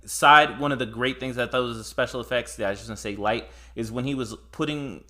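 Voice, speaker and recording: A man's voice: mid-range voice, fast, sharp tone, a little hiss or hum. A man co-hosting a casual film chat, speaking emphatically and repeating words for stress. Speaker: podcast co-host.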